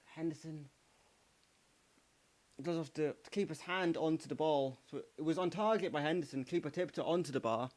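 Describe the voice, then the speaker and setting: A man giving casual live play-by-play as a fan streamer, slightly croaky, cheering his side and scolding chat. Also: fairly high pitch, moderate pace, darkish tone. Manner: partisan, addresses chat as "mate" and "pal", urges his team on. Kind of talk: casual live match commentary.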